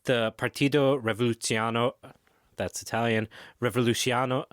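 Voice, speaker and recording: A man's voice: medium pitch, fairly even intonation, brisk, no room sound, studio quality. A man hosting a podcast, recounting history in a casual, jokey way with swearing and tangents. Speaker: podcast host.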